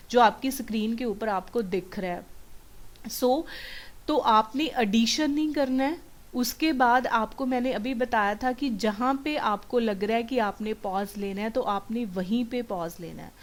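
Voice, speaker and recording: A woman coaching students for an English test, explaining step by step as she switches between Hindi and English. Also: a little high. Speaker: PTE exam coach. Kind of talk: teaching a test-prep lesson.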